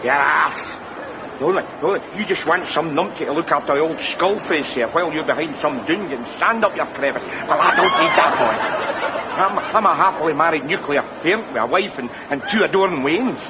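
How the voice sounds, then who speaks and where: An actor with a Glaswegian accent playing a sarcastic, exasperated husband in a TV sitcom. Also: male voice, on the high side, expressive, brisk, over a noisy crowd, very noisy, close to an everyday voice. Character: indignant, sardonic Glaswegian husband. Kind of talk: TV sitcom acting.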